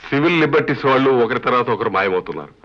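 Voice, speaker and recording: A man's voice: mid-range voice, expressive, very fast, lightly acted. A man playing a fawning greedy minister. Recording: dull lo-fi film audio with loud score.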